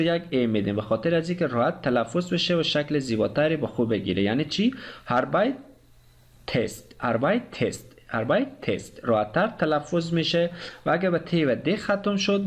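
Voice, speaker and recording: A man with an Afghan Dari accent teaching German grammar, pausing often with fillers and reading verb conjugations slowly. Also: on the high side. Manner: hesitant, many filler sounds, slow careful German conjugations. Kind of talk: explaining grammar, conjugating verbs aloud.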